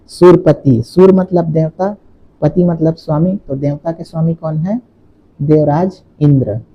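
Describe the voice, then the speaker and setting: An exam coaching teacher, a man with a fairly high-pitched voice, walks through multiple-choice questions step by step, repeating the key points. The lesson is an exam question walkthrough, and the recording sounds muffled.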